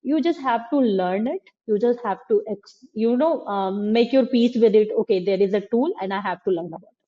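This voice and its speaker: A woman's voice: mid-range voice, moderate pace, dark tone. A woman hosting a podcast, talking casually with emphatic opinions. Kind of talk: casual conversation. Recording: slightly muffled, dull sound.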